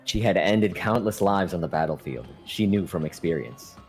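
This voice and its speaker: A man's voice: sits low, animated, normal speed, soft background music. A man casually reading narration for a group fan dub, stumbling and joking as he goes. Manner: laid-back, stumbles and jokes while reading. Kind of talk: casual narration of a game script.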